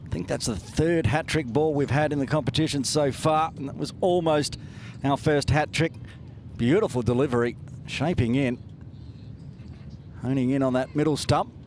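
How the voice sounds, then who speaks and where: A man co-commentating on a cricket match, calmly adding statistics and replay analysis. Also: mid-range voice, slight background noise. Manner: measured, citing past statistics. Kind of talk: live sports analysis.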